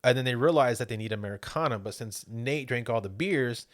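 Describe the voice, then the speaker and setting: A man's voice: medium pitch, a little fast, no room sound. Profane rambling podcast man, dry mic. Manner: rambling, profane, laughs often while recapping. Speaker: podcast co-host. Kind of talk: casual movie review chat.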